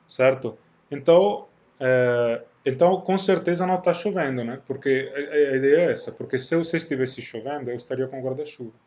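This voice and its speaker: Italian male lecturer, mid pitch, halting delivery with lots of fillers, dull lo-fi recording. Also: darkish tone. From Italy. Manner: hesitant, many fillers and restarts, checks in with "né? certo?". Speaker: university math lecturer.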